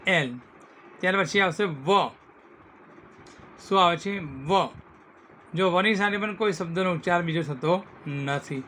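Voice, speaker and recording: Brief: male schoolteacher, crisp bright tone, patient repetitive drill, faint background noise. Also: on the high side. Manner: asks a question, then repeats the answer slowly. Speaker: teacher. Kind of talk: classroom lesson, call and answer drill.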